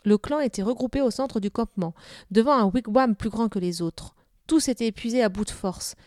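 A woman narrating a children's novel aloud in a steady, even storytelling manner. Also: on the high side, a little fast, no echo, studio quality.

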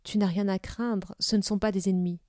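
Woman doing a calm impassive chief, steady, storybook reading, dry sound. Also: mid-range voice, brisk, no echo, close to an everyday voice. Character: calm male Comanche chief, older, impassive.

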